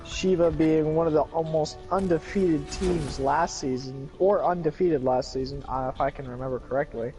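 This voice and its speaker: A man giving live play-by-play commentary on an esports match, with excited calls and joking asides. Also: a little high, normal speed, hardly any pauses, faint music behind. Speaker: esports caster.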